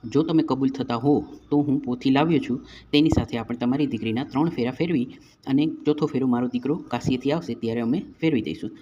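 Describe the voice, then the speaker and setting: A man's voice: medium pitch, fast talker, mellow, dull audio, a little hiss or hum, close to an everyday voice. A man voicing a poor old Brahmin man who speaks plainly and earnestly.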